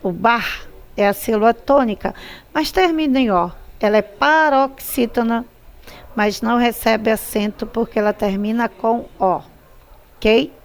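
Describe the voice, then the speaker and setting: A woman teacher with a Brazilian Portuguese accent speaks in a slightly high voice with a gravelly edge. She talks very slowly and patiently, stretching syllables and repeating each word to make it stick. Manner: drawn-out syllables, repeats words to stress them. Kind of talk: slow, patient classroom instruction.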